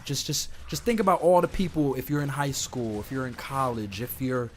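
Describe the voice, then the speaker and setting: Slightly hoarse from illness, a man hosting an online talk series chats casually over gameplay, offering meandering advice straight to his audience. He has a mid-range voice and talks at a normal speed, with clear background noise and game sounds behind him.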